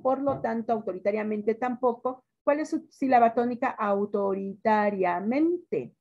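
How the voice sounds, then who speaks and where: A woman teacher with a Mexican accent, giving a classroom lesson, stretching words out slowly and quizzing her students. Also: fairly high pitch, fairly even intonation, lo-fi sound.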